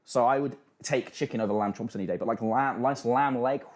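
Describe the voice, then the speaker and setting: A British man hosts a casual livestream, reacting to things and reading the chat aloud with sweary, mocking banter. His voice is medium-pitched and his pace brisk.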